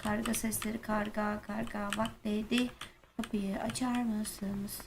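A woman's voice: medium pitch, level tone, a little slow. A young woman streaming a horror game, chatting casually with a friend and swearing or shrieking when startled. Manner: jumpy, swears and shouts when scared. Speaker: gaming streamer. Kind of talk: casual let's-play chat. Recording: noisy gaming stream audio.

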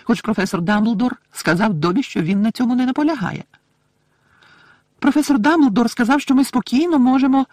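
A man voicing a timid, excitable male house-elf servant with a squeaky, servile way of talking in an audiobook. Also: brisk, no echo, studio quality. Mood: eager squeaky. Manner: squeaky, servile, calls everyone young master.

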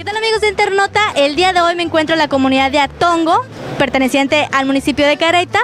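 A woman's voice: extremely high pitch, quick pace, over loud music. A young woman reporter doing an on-location interview with a handheld microphone, upbeat and inviting. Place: outdoors at a restaurant entrance and indoors in its dining room.

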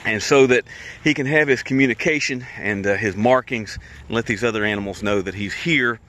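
A man's voice: fairly low pitch, brisk, a bit bright. Chatty middle-aged man vlogging. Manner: chatty, explains to the camera. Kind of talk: casual vlog talk. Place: inside a car and outdoors. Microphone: handheld camera at arm's length.

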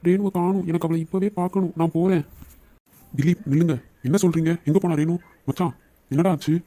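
Guy doing a hot-headed young man, quick and emphatic, kinda mellow tone. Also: a little high, fairly even intonation, no room sound, lightly acted. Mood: anxious. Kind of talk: animated story voice acting.

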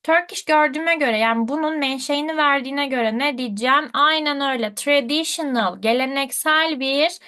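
A woman's voice: sits high, normal speed, few pauses, bright, forceful tone. A woman teaching a live online English lesson, patiently checking answers with her students.

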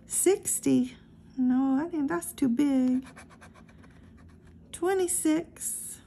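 A woman narrates in a slow, steady, casual way, reading numbers one after another. Her high voice is dark and mellow with a gravelly edge. There is faint noise in the background. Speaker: lottery scratch-off channel host.

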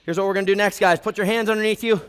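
A racing, high, steady voice with a little hiss or hum belongs to an American man in his twenties coaching a group workout. Through a headset in a big brick warehouse gym with lots of reverb, he exerts himself while shouting hyped, motivational gym-bro cues and countdowns.

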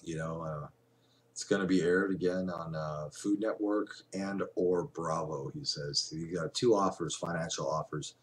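Low-voiced man rambling into a webcam. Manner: rambling, chatty, many fillers and restarts. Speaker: vlogger. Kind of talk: casual webcam vlog. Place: small room indoors at home. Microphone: webcam at desk.

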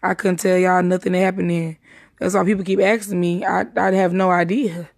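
Gravelly-voiced woman telling a story. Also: fairly low pitch, little pitch movement, a little fast, no room sound, studio quality. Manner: rambling, profane, emphatic storytelling; repeats herself and restarts often. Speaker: witness recounting a night out. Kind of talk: casual spoken retelling.

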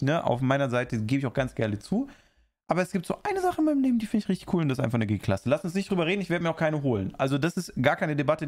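Streamer, male. Chatty reaction commentary, pitch bouncing all over, rambles and answers chat. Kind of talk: casual live-stream commentary.

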